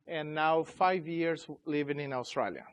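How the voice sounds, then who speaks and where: This smooth-sounding, slightly high-pitched man in his 40s is a CEO presenting informally at a tech conference in a conference room. A native Portuguese speaker from Chile who grew up in Brazil, he talks haltingly and with loose grammar.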